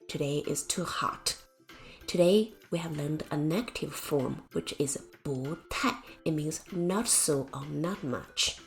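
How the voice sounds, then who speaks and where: A woman teacher giving a scripted language lesson, speaking slowly and carefully and explaining with example sentences. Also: fairly low pitch, creaky. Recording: faint music behind the voice.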